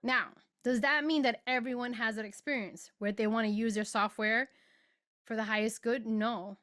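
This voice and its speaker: A woman's voice: on the high side, steady tone, normal speed, a bit bright. A middle-aged woman hosting a podcast and giving an earnest, emotional spiritual monologue, stretching out words for emphasis. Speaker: podcast host and spiritual guide.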